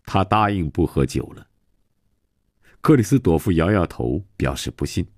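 A man reading a novel aloud as a radio storyteller, with calm, measured narration. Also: sits low, dry recording, clean studio sound.

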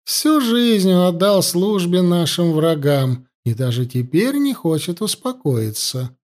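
A man voicing a cruel, imperious older high priestess in an audiobook, speaking harshly and with command. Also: animated, unhurried, darkish tone. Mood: gloating. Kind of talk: audiobook character voice.

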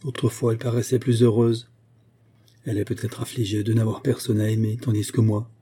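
An impulsive, affectionate young princess, worried for her friend, voiced by a male audiobook reader. She talks eagerly and in exclamations, in a low, dark, husky voice. It is a storybook reading. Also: little pitch movement, a little fast. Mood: wistful. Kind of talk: audiobook character voice.

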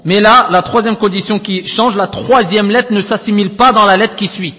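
A man's voice: high voice, steady tone, normal speed, pushed and bright. Man, recitation teacher, patient step-by-step explaining, stretched chanted letters, lingering reverb. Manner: explanatory, checks understanding with frequent tag questions, chants letters at length. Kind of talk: classroom lesson on Quranic recitation rules.

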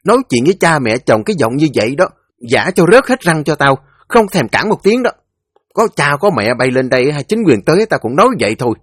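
A man voicing a domineering old father, gruff and threatening. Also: on the high side, sing-song, quick pace, no echo, clean studio sound. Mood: angry. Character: stern old father, domineering and hot-tempered.

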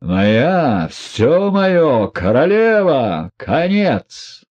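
A wild, possessive young man, played by a male reader shouting loudly and frantically. His voice is husky and jumps around in pitch. He comes from an audiobook character reading. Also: wildly swooping pitch, takes it slowly, highs cut off, exaggerated voice. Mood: frantic shouting.

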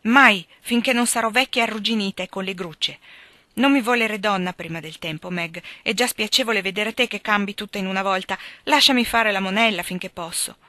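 A woman reading aloud, voicing a spirited, quick-tempered tomboyish teenage girl who bursts out indignantly. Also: medium pitch, sharp tone, no room sound, voice pushed up, lightly acted.

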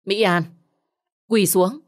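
A woman's voice: mid-range voice, fairly even intonation, slow, lightly acted. A woman voicing a stern older father who scolds his daughters harshly in a spoken story. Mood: furious.

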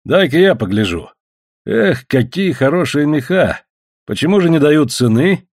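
A man's voice: fairly high pitch, big pitch swings, measured pace, darkish tone, dry recording, studio quality. A man voicing a cheerful, burly fur trader who talks in a bluff, coaxing way. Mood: jovial.

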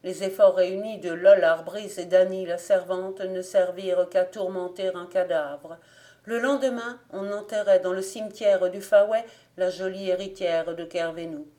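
A woman reads a folk tale aloud as an audiobook narrator. Her voice sits low and her pacing is measured and calm. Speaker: audiobook reader. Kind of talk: scripted narration.

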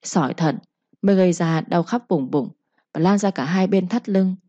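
A woman's voice: on the low side, moderate pace, dark tone, breathy edge, no echo. A woman voicing a stern young male master who gives blunt, scolding orders. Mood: brusque. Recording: slightly muffled recording.

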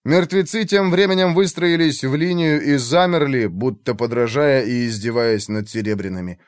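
A man narrating a fantasy audiobook in a steady, expressive storytelling manner. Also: mid-range voice, normal speed, smooth, no room sound, clean studio sound.

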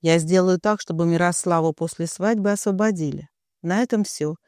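A man's voice: high-pitched, steady tone, moderate pace, a little mellow, dry recording, studio quality. A man voicing a cold, domineering middle-aged father who gives orders without pity. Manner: cold and commanding.

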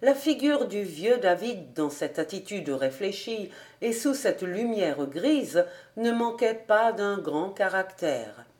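Slow, measured woman reading a novel. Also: medium pitch, darkish tone. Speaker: audiobook reader. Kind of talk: scripted narration of a novel.

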